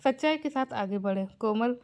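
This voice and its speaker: A woman narrating an emotional family moral story in a gentle, scripted way. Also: a little high, normal speed, clear, resonant tone.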